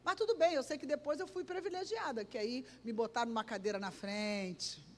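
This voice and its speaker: A woman pastor with a Rio de Janeiro accent tells stories from the pulpit, voicing the people in them and sometimes singing a line. Her voice sits high, and it rings out in a church hall with a long echo. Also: brisk, slight background noise. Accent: Rio de Janeiro Portuguese. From Brazil. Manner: animated storytelling, acts out dialogue, sings bits. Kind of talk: sermon with personal anecdotes.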